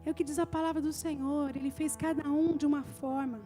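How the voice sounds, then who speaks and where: Very high-voiced woman pastor preaching. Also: flat delivery, a little fast, warm tone, soft background music. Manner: emphatic, building repeated phrases. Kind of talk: live church sermon. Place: church service.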